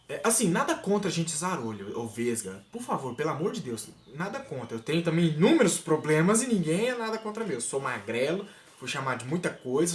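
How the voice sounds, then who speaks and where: A young man telling a comic personal anecdote, acting out scenes and laughing as he goes. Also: on the high side. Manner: animated, laughs through the story, acts out scenes. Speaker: storyteller vlogger. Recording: roomy echo, faint noise.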